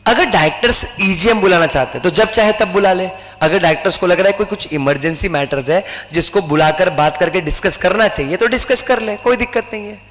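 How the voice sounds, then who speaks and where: A man lecturing a class who keeps asking the room questions and answering them himself. His voice sits high for a man. The room adds a long, lingering hall reverb. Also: brisk, hardly any pauses, fairly bright tone. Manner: drills students with repeated questions; mixes English terms into Hindi explanation. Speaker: teacher.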